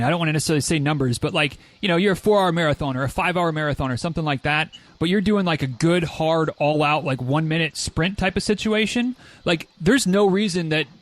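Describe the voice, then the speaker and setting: A man with a fairly high voice hosts a podcast in a casual, conversational way. He rambles toward his questions, doubling back on words as he goes. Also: fairly bright tone, no echo. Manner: rambling, repeats words while forming questions. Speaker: podcast host, running coach.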